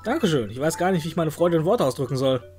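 A man's voice: on the high side, lively intonation, quick pace, darkish tone, faint music behind. A man hosting a let's play, joking with the game characters and letting out silly exclamations. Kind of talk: playful gameplay commentary.

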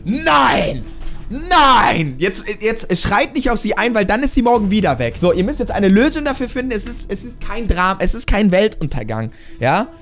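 A man's voice: sits high, sing-song, brisk, few pauses, faint music behind. A man giving casual reaction commentary on a TV show, exasperated and talking back at the screen.

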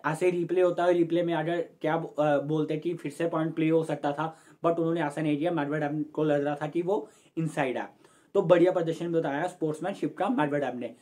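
On his personal sports channel, a young man gives a laid-back match breakdown to camera from home, calling viewers friends and gesturing with his hands. His slightly high, a little mellow voice moves fairly quickly with fairly even intonation.

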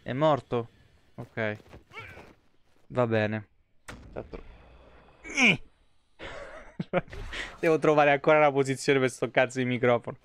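Slow, with long pauses, a streamer in his thirties from Italy talks through his gameplay in a smooth, fairly bright medium-pitched voice. His commentary is casual and foul-mouthed as he chats with viewers. He's indoors at a home setup, close to a streaming microphone.

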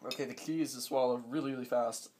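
A man's voice: medium pitch, steady tone, quick pace, warm tone. Young man chatting in a noisy kitchen. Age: teens to young adult. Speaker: challenge participant. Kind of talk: casual chat. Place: home kitchen, indoors. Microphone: phone held by another person nearby. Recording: faintly noisy home video, dish clatter.

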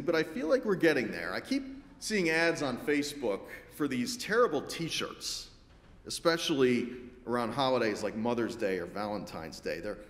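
A man delivers a sermon from a church sanctuary, speaking in a steady middle register. His tone is measured and reflective, broken by wry, dry asides. The sound is roomy, with a long reverb hanging in the hall. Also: mid-range voice. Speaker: pastor.

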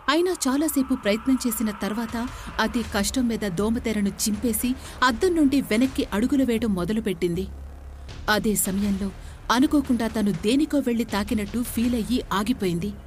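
A woman narrating a horror story in a measured, suspenseful way. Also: medium pitch, a little mellow.

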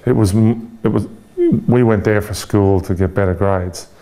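Speaking with an Irish accent, a man in his forties reflects candidly as a guest in an interview, stopping often to use fillers or begin again. The pitch sits fairly low, the intonation is fairly even, and the tone is dark.

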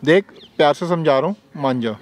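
A man playing a coercive middle-aged uncle in a staged outdoor scene, talking low and threatening. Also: fairly quick, lightly acted. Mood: menacing. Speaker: actor in staged prank. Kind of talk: staged street role-play. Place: outdoor park.

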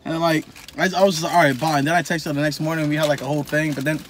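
A man's voice: fairly high pitch, little pitch movement, very fast, slight background noise. A young man chatting casually on a couples vlog, telling a story in a rambling way with lots of fillers. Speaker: vlogger. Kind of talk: casual chat.

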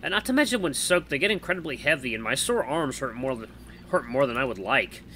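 Animated man reading a story game. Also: mid-range voice, fast, slight background noise. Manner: animated, playful voice acting. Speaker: let's play host. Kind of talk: reading a visual novel aloud.

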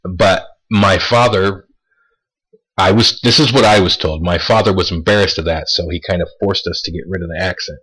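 A man with a somewhat low, husky voice talks through a casual monologue to his viewers. He takes his time, circles back to stress key words and tosses out rhetorical questions. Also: steady tone, sharp tone, rough recording. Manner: deliberate, repeats words for emphasis. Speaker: vlogger.

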